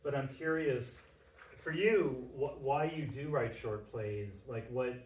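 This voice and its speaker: A man's voice: mid-range voice, takes it slowly, a little mellow. A man moderating a playwrights' panel, asking rambling questions with many restarts. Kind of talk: panel discussion. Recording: roomy echo, far from the mic, faint noise.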